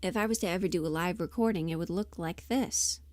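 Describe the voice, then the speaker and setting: Here the livestream host, also an amateur voice performer, has a fairly low, darkish voice and talks a little fast. Her chat is casual and rambling, full of muttered asides as she thinks aloud.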